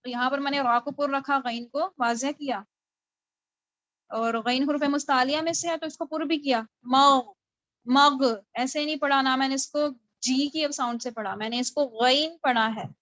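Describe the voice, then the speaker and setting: A high-voiced woman teaches Quran recitation over a video call and patiently explains each rule before she stretches out each recited word. The call recording sounds dull and dry, with no room sound at all. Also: steady tone, a bit bright, no room sound. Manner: explains patiently, then slowly drawn-out recited words. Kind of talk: online tajweed lesson. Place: home, online video call.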